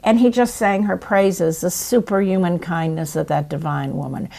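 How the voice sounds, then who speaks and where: A woman in her seventies, an actress and playwright, telling stories in an animated, theatrical way during an interview. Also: fairly low pitch, normal speed, vocal fry. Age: 70s. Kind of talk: interview conversation.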